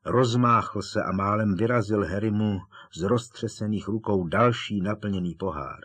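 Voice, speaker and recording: A man reading an audiobook as the narrator, telling the story in a steady, dramatic way. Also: on the low side, breathy edge. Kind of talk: scripted narration.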